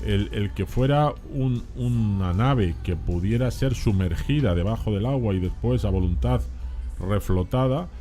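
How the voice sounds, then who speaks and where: A man hosting a Spanish-language radio show, talking in a relaxed, conversational way with frequent restarts. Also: fairly low pitch, unhurried, faint music behind. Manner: conversational, hesitant with many restarts. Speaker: radio host. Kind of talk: casual radio talk.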